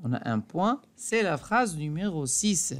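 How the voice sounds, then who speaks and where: A woman teaching a reading lesson to a young child, speaking slowly and carefully and repeating each point. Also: deep voice, sing-song, no echo. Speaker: primary school teacher.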